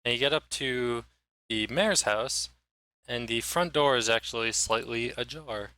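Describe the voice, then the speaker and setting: A male game master narrating a tabletop adventure with an easygoing, rambling delivery. His voice is bright and crisp, recorded close and dry. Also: mid-range voice, measured pace, dry recording. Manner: relaxed, descriptive, with frequent "like" fillers.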